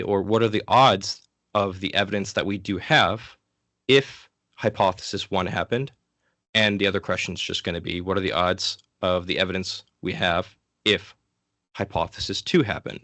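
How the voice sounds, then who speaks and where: A man giving an informal, interactive lecture in a casual, conversational way, sick and low on energy. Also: a bit bright, no echo. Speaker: guest lecturer from an online ministry.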